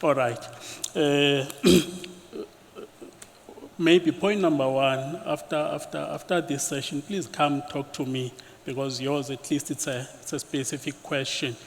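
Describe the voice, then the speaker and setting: A man on a panel, answering questions about financing in a measured, explanatory way. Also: on the high side, steady tone, vocal fry. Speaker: development finance executive on a panel. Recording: echoey conference hall, faint noise.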